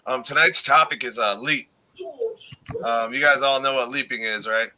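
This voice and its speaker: A man's voice: medium pitch, normal speed, sharp tone. A young man hosting a live podcast, chatting casually with loose, profane banter. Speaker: podcast host.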